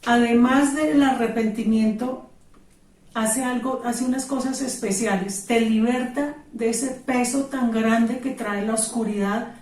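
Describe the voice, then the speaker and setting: A woman's voice: fairly high pitch, fairly even intonation, a little slow, a little mellow, recorded from a distance. A woman preaching a sermon, emphatic and repeating key words. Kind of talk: sermon with prayer. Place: church hall. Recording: roomy sound from off-mic with faint music.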